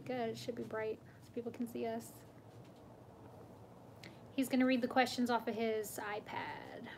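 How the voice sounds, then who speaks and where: A young woman hosts a casual livestream from home, her voice sitting a little high. She chats easily, greets viewers by name and laughs between sentences, with a faint hum of room noise behind her. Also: level tone, moderate pace, creaky. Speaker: vlog host.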